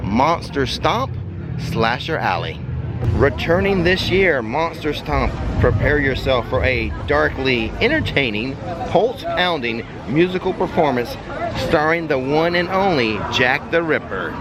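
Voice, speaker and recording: A man's voice: a little high, lively intonation, measured pace, noisy background. A man hosting an upbeat vlog, narrating an event as he goes. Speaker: vlog host.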